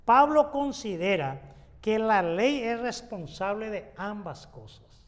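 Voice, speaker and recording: A man teaches a Bible study as a pastor. His voice sits high for a man, and he explains at an unhurried pace, pausing on fillers and restarting phrases. A long reverb trails each sentence. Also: big pitch swings.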